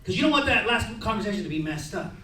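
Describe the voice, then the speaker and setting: A young man doing a stand-up comedy set on a club stage, telling stories loudly and shouting out the lines he quotes. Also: high-pitched, rapid-fire, heavy background noise. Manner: loud, excitable storytelling, shouting acted-out quotes. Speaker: stand-up comedian hosting a veterans show. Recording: echoey club, mic heard from a distance, crowd laughter.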